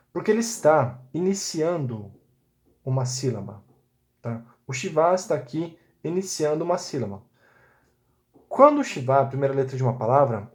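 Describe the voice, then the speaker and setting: A man's voice: fairly high pitch, a little mellow. Patient man teaching a lesson. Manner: patient, step-by-step, checks in with tag questions. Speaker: Biblical Hebrew teacher. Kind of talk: recorded video lesson.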